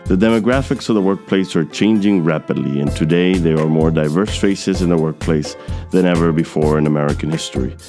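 A young man hosts a podcast interview. He reads a scripted opening, then slips into loose, halting talk full of ums and uhs. Soft music sits faintly behind him. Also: sits low. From Queens, New York. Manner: scripted intro, then halting with many fillers. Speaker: podcast host.

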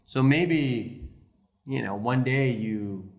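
A man's voice: mid-range voice, extremely slow, a little mellow. A man, a missionary, in a casual conversation, telling stories and acting out the people in them, often saying "you know". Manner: storyteller, acts out the people in his stories, frequent "you know".

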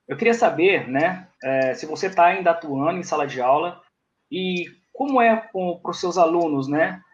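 A man's voice: on the high side, expressive, moderate pace, highs cut off. A man interviewing a guest, asking a long, rambling question full of hesitations.

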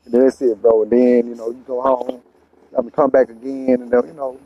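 A man's voice: medium pitch, flat delivery, fairly quick, husky, muffled recording. A man chatting casually in blunt, profane street slang, often repeating himself to press his point. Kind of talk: casual conversation.

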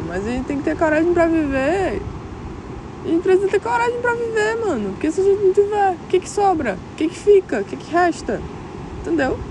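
Outdoors on a beachside clifftop, a young woman with a high-sitting voice talks directly to her audience over background noise. It's a relaxed, slangy vlog where she reflects on things.

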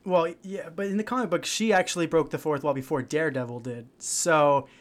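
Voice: mid-range voice, brisk. A young host leading a casual panel podcast, asking questions and laughing often. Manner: giggly, leads the talk with questions. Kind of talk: casual chat.

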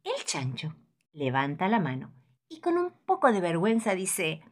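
A woman reads a children's story aloud in an expressive, playful manner. Her voice sits low for a woman. Her intonation swoops very widely. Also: normal speed. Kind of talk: storybook read-aloud narration.

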